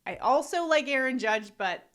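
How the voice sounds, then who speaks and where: A woman's voice: sits high, expressive, normal speed, fairly bright tone. A woman co-hosting a sports betting show, running through baseball stats and picks in an upbeat, stat-heavy delivery.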